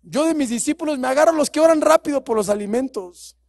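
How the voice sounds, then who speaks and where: A man preaching a sermon, animated and mocking as he acts out churchgoers. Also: extremely high pitch, fast talker. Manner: animated, mocking, plays out voices.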